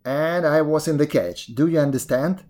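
Narrator doing a loud, impatient tiger. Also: medium pitch, moderate pace, voice pushed up, natural voice. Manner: growling, scornful, commanding. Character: fierce, impatient, hungry male tiger.

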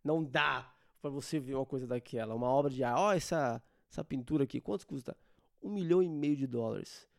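A man's voice: medium pitch, brisk, vocal fry, no echo. A young man hosting a solo podcast, ranting in an informal, slangy and sarcastic way into a close mic. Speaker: podcast host. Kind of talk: casual solo podcast rant.

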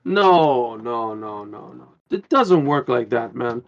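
A man's voice: mid-range voice, animated, slow, creaky, dull audio. A man from the Caribbean, a guest on a podcast, talking in an earnest, rambling way with many restarts. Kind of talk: casual podcast conversation.

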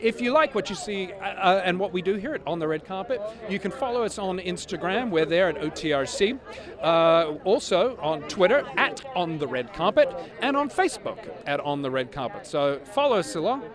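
A man's voice: high voice, lively intonation, normal speed. A man hosting live from an outdoor red carpet with upbeat, gushing chatter. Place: outdoors at a shopping plaza. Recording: busy outdoor crowd behind.

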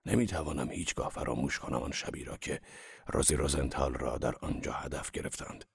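A male audiobook reader voicing a mournful, sly aging gangster who speaks slowly and quietly, with a husky, gravelly tone. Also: extremely low pitch, full character voice.

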